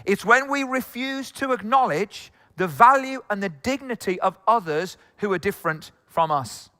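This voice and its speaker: Middle-aged male pastor, chatty sermon style with fillers, high bright voice, long hall reverb. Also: expressive, moderate pace. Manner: jokey, conversational preaching with frequent fillers. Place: church hall.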